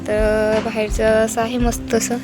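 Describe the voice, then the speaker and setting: A woman's voice: fairly high pitch, completely flat delivery, unhurried, over music. A young woman, a mother from Maharashtra, chatting casually to viewers in a family home vlog, often cooing to her baby. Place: home, indoors.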